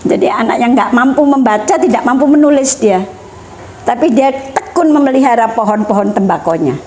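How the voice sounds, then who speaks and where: Middle-aged woman, calm explainer, slightly high voice. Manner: measured, explanatory, mixing in Javanese phrases. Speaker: guest speaker on family education. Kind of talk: educational talk.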